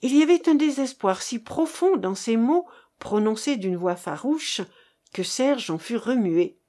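A woman narrates a novel in a measured, expressive way. Her voice is mellow and fairly high. The reading is slow and unhurried.

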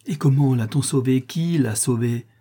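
A man's voice: on the low side, moderate pace, dark tone, husky. A man voicing a trembling, overwrought prince. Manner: trembling, barely restrained emotion. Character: overwrought noble prince, a father. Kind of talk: audiobook character voice.

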